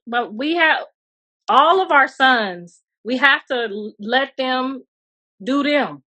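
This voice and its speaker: A woman's voice: high voice, animated, slow pace, bright, forceful tone. A middle-aged mother talking bluntly and chattily to viewers on her livestream, outdoors, calling them girl and honey. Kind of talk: casual livestream rant. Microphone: phone livestream.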